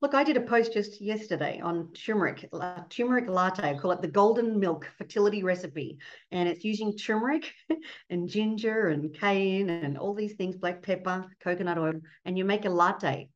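Over a dull, lo-fi laptop webcam connection from her home office, a middle-aged Australian fertility doctor takes part in a casual interview as a guest. Her medium-pitched voice moves at a moderate pace, earnest and warm, with frequent laughter as she explains.

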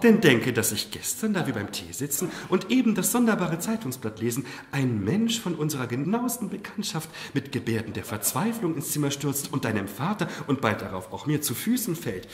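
A man's voice: medium pitch, sing-song, brisk, few pauses, pitched above the performer's own voice, lightly acted. A man voicing an older noblewoman, an emotional and contrite mother, in an earnest, impassioned dramatic literary reading. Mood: secretive, earnest. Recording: roomy live reading hall.

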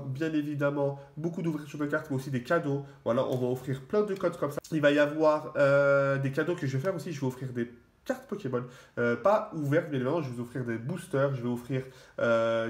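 Chatty man opening card packs. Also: fairly high pitch. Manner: chatty, excitable, lots of fillers and repeated words. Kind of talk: casual card-opening commentary.

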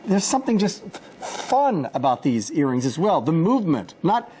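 A woman's voice: low voice, sing-song, normal speed, warm tone, husky. A woman presenter on home shopping, chatting off the cuff and often rephrasing. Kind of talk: unscripted live product chat.

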